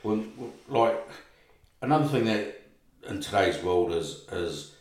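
An older man chatting casually on a podcast, halting and repeating words as he searches for phrases. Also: on the low side, lively intonation, roomy sound.

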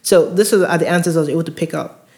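Guy talking straight into a recorder mic, emphatic, repeats himself to make a point, bit higher voice. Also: fairly even intonation, fast talker, a little mellow. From outside the US. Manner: earnest, emphatic, repeats phrases for stress. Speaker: podcast host advising premed students. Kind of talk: casual advice monologue. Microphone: handheld recorder mic.

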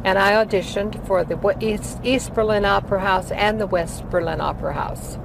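With a gravelly, mid-range voice at normal speed, an octogenarian ex-opera singer wanders through memories of her career, her speech full of fillers. It's a casual life-story interview with heavy traffic audible in the background.

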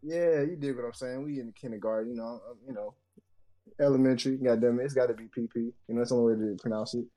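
A man's voice: mid-range voice, fast talker, soft background music. Slangy, profane young man telling a story. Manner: slangy, profane, animated storytelling with many fillers. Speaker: podcast co-host. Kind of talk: casual storytelling chat.

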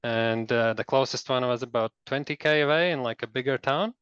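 Rambling man from Latvia, smooth voice. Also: mid-range voice, brisk, a bit bright, no echo, muffled recording. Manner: rambling, many fillers and restarts. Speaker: guest. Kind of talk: casual interview storytelling.

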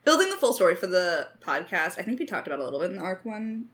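A woman with a voice on the low side, very animated and quick, co-hosts a podcast Q&A. She's a podcast co-host and audio drama creator, and her chat is informal, chatty and joking.

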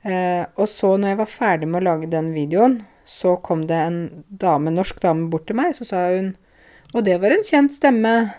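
A young woman in a chatty, clear spoken lesson, telling a story and explaining words to language learners. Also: lowish voice, few pauses, warm tone. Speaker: Norwegian language teacher on YouTube.

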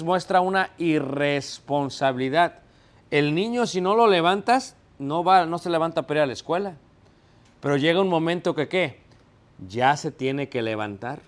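A man preaching a sermon, putting questions to the congregation, answering them himself and acting out everyday scenes in quoted voices. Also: fairly high pitch.

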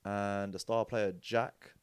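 A young man, a podcast guest telling rugby stories in a casual, animated way. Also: lowish voice, slow pace, clean tone, dry recording. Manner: animated storyteller, acts out quotes with jokes and laughs. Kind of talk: casual storytelling chat.

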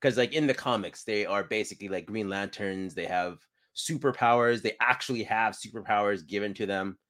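A man's voice: fairly low pitch, fairly quick, a bit bright. A man co-hosting a podcast in casual chat, laid-back and opinionated, often restarting his sentences. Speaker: podcast co-host.

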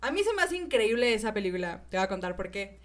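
A woman in her twenties with a Mexican accent, hosting a podcast and telling stories in a lively way, laughing often. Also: medium pitch, fast talker. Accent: Mexican Spanish. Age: 20s. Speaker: podcast host. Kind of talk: casual chat.

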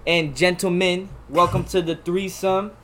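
A man's voice: high voice, fairly even intonation, measured pace, heavy background noise. A man in his early twenties, co-hosting a podcast in loose, joking casual chat. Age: early 20s. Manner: loose, joking, trash-talking. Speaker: podcast co-host.

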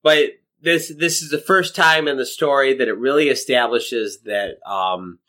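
A man's voice: mid-range voice, measured pace, bright, forceful tone. A middle-aged man co-hosting a podcast, recapping a movie in a casual, rambling way with lots of swearing, fillers and restarts. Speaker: podcast co-host.

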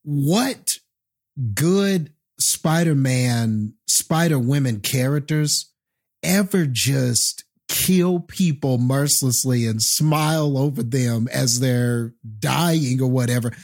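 A man's voice: mid-range voice, slow, darkish tone. A man co-hosting a casual movie review podcast who fires off questions and laughs often. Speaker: podcast co-host.

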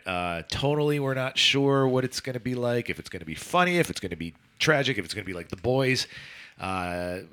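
A man's voice: lowish voice, fairly bright tone. A man co-hosting a casual podcast with a congested, stuffy nose that makes him sound nasal. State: congested after nose surgery, some sniffing. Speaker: podcast co-host. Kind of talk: casual chat.

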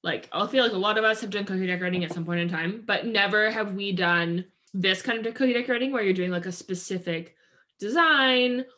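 Woman from Canada, podcast co-host, casual chat, bright tone. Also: medium pitch, brisk. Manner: chatty, upbeat, heavy use of "like".

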